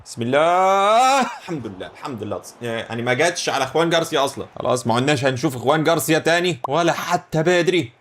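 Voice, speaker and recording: Egyptian guy hosting a football gaming video, high voice, loud exclamatory reactions. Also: fast talker. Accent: Egyptian Arabic. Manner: excitable, exclamatory, shouting at plays. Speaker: gaming channel host. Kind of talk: football video game commentary.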